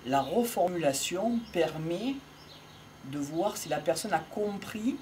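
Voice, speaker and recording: Seated in a country field with a handheld mic, an older man who speaks on voice and communication delivers a slow, reflective monologue to camera. He is measured and philosophical, pausing often, his voice high, expressive and a little mellow, with faint birdsong and a little hiss or hum behind.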